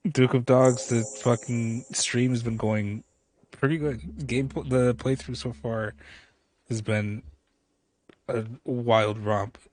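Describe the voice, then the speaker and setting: A man's voice: medium pitch, low-quality recording. A man chatting casually and swearing freely as he streams a game. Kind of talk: casual livestream chat, heavy swearing. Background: music.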